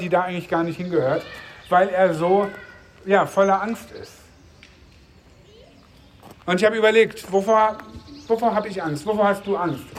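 A man's voice: high voice, slight background noise. A man reading a Bible passage and then preaching in a conversational way, putting questions to his audience.

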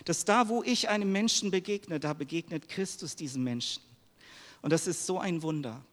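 A man's voice: a little high, moderate pace, fairly bright tone. A middle-aged man preaching a sermon in earnest, personal tones, asking the congregation questions in a church hall. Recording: long hall reverb.

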